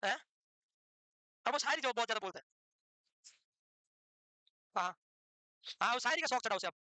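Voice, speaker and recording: A man's voice: very high voice, lively intonation, moderate pace, bright, forceful tone, dry recording. A man lecturing a nursing class live, teasing students and firing questions at them.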